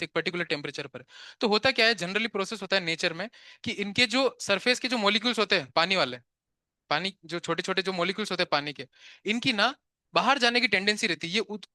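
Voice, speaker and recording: A man teaching physics to a live class, chatty and quick to tell students to stop talking and pay attention, mixing English terms into his Hindi and asking questions he answers himself. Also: high-pitched, pushed and bright, no room sound, clean studio sound.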